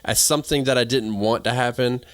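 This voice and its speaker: A man's voice: mid-range voice, steady tone, fairly quick, smooth, no room sound. A man with a Southern US accent and drawl, chatting casually in a folksy, slangy way as a podcast co-host. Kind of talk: casual chat.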